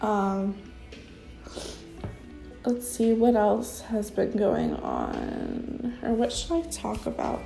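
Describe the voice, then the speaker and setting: In a rough recording with faint music, a young woman speaks very slowly in a mid-range, warm, gravelly voice whose pitch swoops wildly, pausing often. She's a recovery sponsor chatting off the cuff in a casual vlog. Congested and stuffy, she rambles with many fillers.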